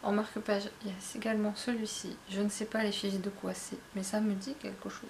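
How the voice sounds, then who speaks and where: Talking to camera in her home while unboxing a book box, a young woman rambles casually with lots of fillers and restarts. Her mid-range voice is level, fast, and darkish with vocal fry, and faint hiss or hum is audible.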